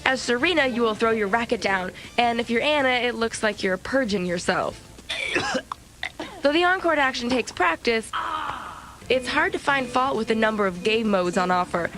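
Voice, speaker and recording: A woman's voice: on the high side, expressive, moderate pace, background noise. A woman co-hosting a video game review show, reading scripted reviews with dry, wisecracking jokes. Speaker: TV show co-host.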